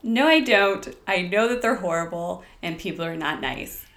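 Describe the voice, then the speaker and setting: A woman's voice: on the low side, animated, normal speed, fairly bright tone. A woman co-hosting a podcast in casual chat, giggly and self-deprecating, often trailing off. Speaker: podcast co-host.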